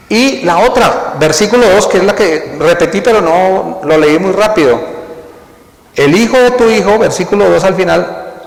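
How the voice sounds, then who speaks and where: Pastor, male, higher-pitched, sermon delivery, repeats words for stress, long church reverb. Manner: repeats key words, asks the congregation questions. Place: church hall.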